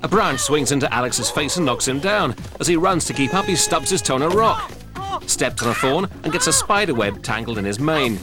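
A man's voice: a little high, very animated, a little fast. A man reading scripted audio description narration for a film. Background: loud film music.

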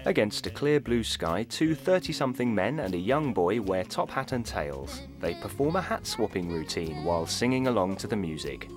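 A man with a fairly low voice reads scripted descriptions of on-screen action. His pitch moves freely, and loud music from the show plays behind him. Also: sing-song, normal speed, hardly any pauses. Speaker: audio description narrator.

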